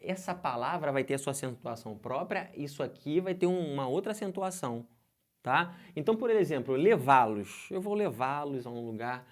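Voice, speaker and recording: A Brazilian man teaches grammar for an exam-prep course. He talks with lively energy, keeps asking his students questions and slowly draws out the example words. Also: medium pitch. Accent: Brazilian Portuguese.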